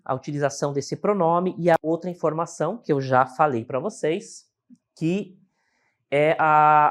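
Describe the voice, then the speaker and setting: Brazilian male English teacher with a fairly high voice, explaining slowly and checking in with the class. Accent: Brazilian Portuguese. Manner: explains slowly, checks in with frequent tag questions.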